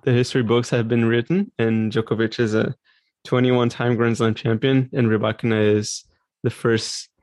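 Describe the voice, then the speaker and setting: A man from Brazil, co-hosting a casual tennis chat, relaxed and full of fillers. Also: mid-range voice, moderate pace, no echo. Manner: relaxed, hesitant with many fillers. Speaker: podcast co-host.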